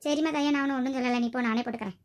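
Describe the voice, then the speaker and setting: A woman's voice: sits high, fairly even intonation, rapid-fire, lightly acted. A woman voicing a nagging, self-pitying middle-aged mother-in-law who grumbles to herself. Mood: grumbling.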